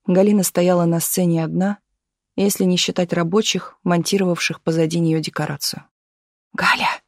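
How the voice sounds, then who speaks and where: An audiobook reader narrating a novel in a steady, even manner. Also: mid-range voice, a little fast, dry recording, clean studio sound. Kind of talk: scripted narration.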